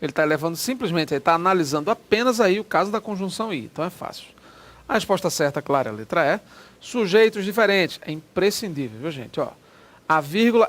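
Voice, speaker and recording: A man explaining exam grammar questions, stretching key words and checking in with listeners often. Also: a little high. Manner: explanatory, drawn-out stressed words, frequent "né?" checks. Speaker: Portuguese grammar teacher. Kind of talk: exam-prep lecture walking through test questions.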